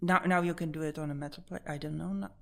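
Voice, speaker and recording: A woman's voice: sits low, fairly even intonation, fast, creaky, fairly bright tone. A woman painter from the Czech Republic, a native Czech speaker, talking in English in a casual interview in her studio, hesitant, with frequent restarts and small laughs.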